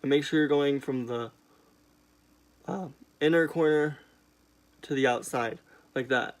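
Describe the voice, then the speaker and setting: A man's voice: a little high, unhurried. A young man with a sassy, emphatic drag-queen delivery, chatting casually as he hosts a makeup tutorial. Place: indoors, small room at home.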